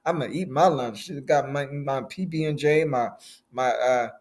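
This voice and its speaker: A man's voice: medium pitch, normal speed, darkish tone, lightly acted. A man voicing an indignant hungry little boy who refuses to give up his lunch, whining in protest. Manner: whiny, protesting.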